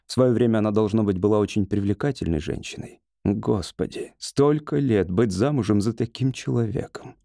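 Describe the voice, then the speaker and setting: A man narrating an audiobook horror story in an even, measured way. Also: lowish voice, vocal fry, no echo, clean studio sound. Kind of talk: scripted literary narration.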